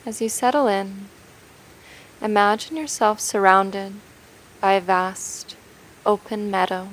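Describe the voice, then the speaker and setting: Soft and soothing, a woman narrates a guided meditation slowly, pausing at length between phrases. Her voice is medium-pitched and steady, and the recording is rough.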